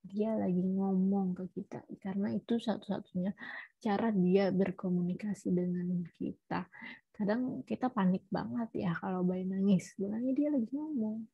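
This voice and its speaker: Gravelly-voiced woman giving a lecture. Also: medium pitch, normal speed, no room sound. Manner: explanatory, frequent tag "ya", self-corrections. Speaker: teacher. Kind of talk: lecture on child language development. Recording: muffled lo-fi recording.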